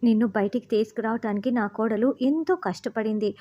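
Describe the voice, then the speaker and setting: A woman reading the lines of a gentle, doting mother-in-law. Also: fairly high pitch, brisk, dull audio, a little hiss or hum, close to an everyday voice. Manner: gentle, affectionate.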